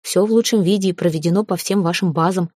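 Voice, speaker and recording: A woman reading an audiobook, voicing a calm, polite young man who speaks in a composed, formal way. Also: on the low side, quick pace, dry recording, studio quality, natural voice.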